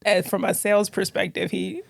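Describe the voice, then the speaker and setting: A woman co-hosting a casual sports chat show, chatty and quick to laugh. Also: medium pitch, flat delivery, vocal fry, no room sound, studio quality. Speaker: co-host.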